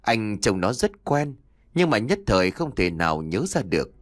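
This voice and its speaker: A man narrating an audio story in a dramatic, expressive storytelling manner. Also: on the low side, normal speed, dry recording, studio quality. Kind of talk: scripted narration.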